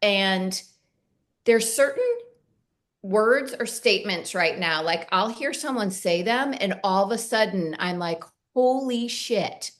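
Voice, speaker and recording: A woman co-hosting a casual talk show, animated and quick to swear, often quoting her own thoughts aloud. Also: mid-range voice. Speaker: co-host. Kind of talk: casual chat.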